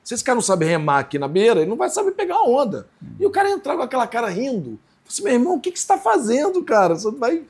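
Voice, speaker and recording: A Brazilian man hosting a podcast, asking questions in relaxed, slangy casual chat. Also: very high voice, rapid-fire, husky. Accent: Brazilian Portuguese. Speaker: podcast host.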